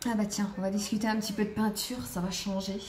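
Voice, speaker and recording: A woman's voice: medium pitch, level tone, quick pace, a little mellow. A woman giving casual let's-play commentary, chatting to the characters on screen as she plays. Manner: chatty, talks to the game characters. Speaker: gaming video creator.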